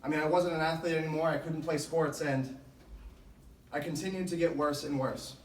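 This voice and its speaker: A man giving a motivational speech to a sports team, telling his story in an earnest, deliberate way with emphatic phrases. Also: on the high side, fairly even intonation, a little hiss or hum. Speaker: motivational speaker. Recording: echoey room, distant microphone.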